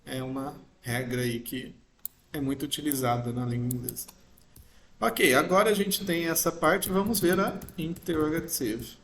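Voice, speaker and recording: A man's voice: a little high, moderate pace, fairly bright tone, a little hiss or hum. A man teaching a grammar lesson, patiently explaining step by step and checking in with his listeners often. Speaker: English teacher. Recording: roomy echo.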